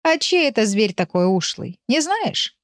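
A woman doing an easygoing, affectionate village woman who speaks with a lively lilt. She is heard in a dry, close recording. It is an audiobook character voice. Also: a little high, unhurried, dry recording, voice pushed up. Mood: fond. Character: warm-hearted village woman, goat owner.

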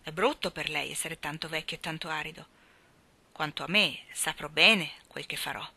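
A woman's voice: deep voice, moderate pace, vocal fry, sharp tone, slightly rough, full character voice. A woman reading the lines of a big, strong young sailor who talks in an eager, earnest, storytelling way. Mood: boastful.

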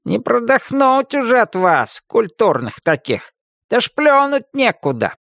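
A grumpy, sarcastic house cat, voiced by a male reader, grumbles in a high, gravelly drawl. He drags out his words slowly, and his voice swoops up and down. The recording is close and dry. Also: big pitch swings, fairly bright tone, no room sound, exaggerated voice. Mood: grumbling. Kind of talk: audiobook character voice.

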